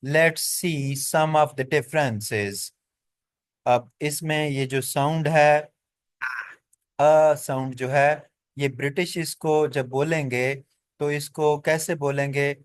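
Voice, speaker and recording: A male teacher explains vowel sounds at a very unhurried pace. He says each example sound over and over, deliberate and careful. The recording is dry and close, with no room echo. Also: a little high, fairly even intonation. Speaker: English pronunciation teacher. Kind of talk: classroom explanation mixing Hindi and English.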